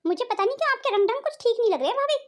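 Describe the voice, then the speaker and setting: A woman voicing a shrill, bossy, quarrelsome daughter. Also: expressive, rapid-fire. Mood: accusing. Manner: accusing, sharp-tongued, bossy. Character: quarrelsome hot-tempered married daughter visiting home. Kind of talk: cartoon family drama voice acting.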